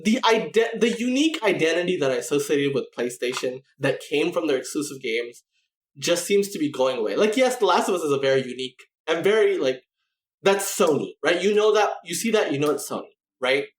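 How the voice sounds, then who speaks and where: A man's voice: fairly high pitch, brisk. Guy rambling on a game podcast, voice jumping all over, lots of you know, echoey room. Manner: rambling, animated, many restarts and "you know"s. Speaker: podcast co-host. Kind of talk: casual gaming podcast chat.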